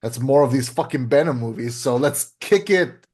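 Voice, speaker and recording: A man's voice: medium pitch, moderate pace, a little mellow, slightly rough. A man in his late twenties co-hosting a casual movie review podcast, talking bluntly and swearing freely. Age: 20s. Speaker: podcast co-host.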